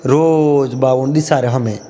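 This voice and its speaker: A man's voice: mid-range voice, slow, a little hiss or hum. A man with a Marwari accent narrating a folk tale, voicing the characters' dialogue as he goes. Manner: lively storytelling with dialogue voices. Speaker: storyteller.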